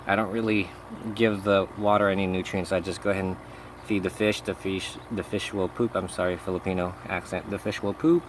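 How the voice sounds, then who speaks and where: Male gardener, low flat delivery, rambling garden-tour vlog recorded outdoors with faint background noise. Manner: rambling, with frequent fillers and self-corrections. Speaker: home gardener. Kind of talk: casual garden walk-through.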